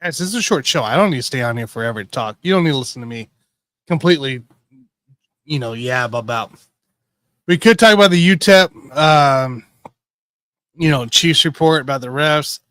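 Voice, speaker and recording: A man hosting a casual sports betting show, rambling and correcting himself as he tells excitable stories. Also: medium pitch, moderate pace, long pauses, no echo. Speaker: podcast host.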